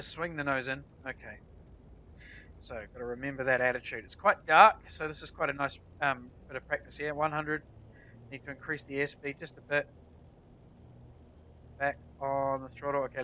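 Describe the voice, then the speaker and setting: A man explains his flight sim play in a casual commentary style. His voice is bright and forward, with a clearly nasal, congested tone from a cold. The pitch sits in an ordinary middle range for a man. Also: steady tone, moderate pace, a little hiss or hum, poor audio. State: blocked nose from a cold. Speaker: flight sim player narrating a tutorial.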